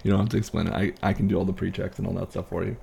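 A man playing an easygoing airline pilot, chatting casually and haltingly with a colleague in a one-sided role-play. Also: low voice, little pitch movement, gravelly, dark tone, slight background noise. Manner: casual, halting, reassuring co-worker chat.

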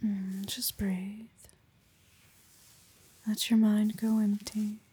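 Close to the mic, a roleplay performer voices an affectionate young wife and mother in soft-spoken ASMR, whispering often, speaking intimately, and laughing softly now and then. The mood is tender, her mid-range voice breathy and flat, fully in character, and extremely slow.

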